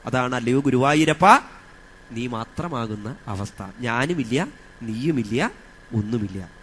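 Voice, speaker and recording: A man with a Malayalam accent giving a religious discourse on scripture, chanting verses slowly and asking his listeners rhetorical questions. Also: medium pitch, fairly bright tone, a little hiss or hum. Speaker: scripture teacher.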